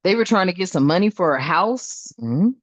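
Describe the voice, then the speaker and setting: A woman's voice: lowish voice, expressive, moderate pace, no room sound. A woman giving a casual spiritual tarot reading, talking bluntly and emphatically and swearing often. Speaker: tarot reader. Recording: dull lo-fi dry sound.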